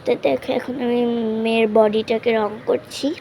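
Young woman, drawing vlog host, casual self-correcting chatter, mellow tone, home recording, faint background hiss. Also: a little high, fairly even intonation, normal speed. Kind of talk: casual drawing tutorial narration. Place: home room.

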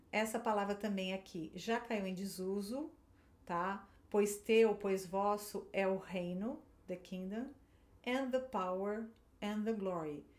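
A Brazilian woman teaches a pronunciation lesson at a deliberately slow pace. She models each phrase clearly so it can be repeated. She keeps checking in with her listeners between phrases. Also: mid-range voice. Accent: Brazilian Portuguese. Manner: frequent checking tags like ok and tá. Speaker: English teacher.

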